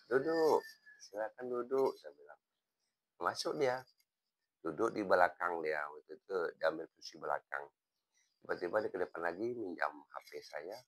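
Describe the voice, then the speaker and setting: A man, a hypnotherapist and life coach, giving a motivational talk as a story in an unhurried, conversational way with frequent pauses. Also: sits low, a bit bright.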